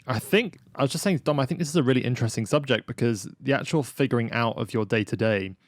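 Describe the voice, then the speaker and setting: A man hosting a podcast in a relaxed, rambling way, full of "like" and "you know". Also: mid-range voice, quick pace, no echo. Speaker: podcast host. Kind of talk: casual conversation.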